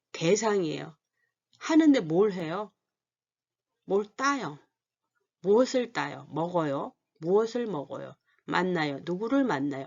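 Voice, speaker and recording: A woman's voice: on the low side, a little mellow. A woman giving a lesson, explaining points and often asking the class questions, then answering them herself. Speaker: Korean language teacher. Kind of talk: explanatory lecture. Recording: dull lo-fi recording.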